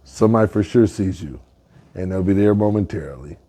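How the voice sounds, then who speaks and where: A man, a guest entrepreneur, telling fables in a casual, animated way with slang and reflective asides. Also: sits low, fairly quick. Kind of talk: casual storytelling.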